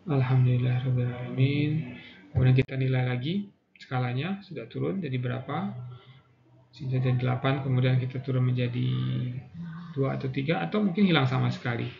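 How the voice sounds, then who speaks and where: A man guiding an EFT tapping session, calmly repeating prayer affirmations and instructions in an echoey room. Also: mid-range voice, brisk, pauses often. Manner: calm, repetitive guiding voice, says prayer affirmations. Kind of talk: guided tapping practice with spoken prayers. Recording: echoey room, dull lo-fi sound, clear background noise.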